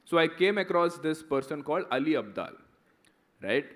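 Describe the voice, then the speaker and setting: Homem indiano de uns trinta anos, com sotaque inglês indiano e voz um pouco aguda, fala de forma coloquial e motivacional para estudantes, perguntando "right?" a cada passo. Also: male voice, a little high, expressive, normal speed, fairly bright tone. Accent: Indian English. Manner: conversational, keeps asking "right?". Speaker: guest speaker answering students. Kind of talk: motivational talk and Q&A.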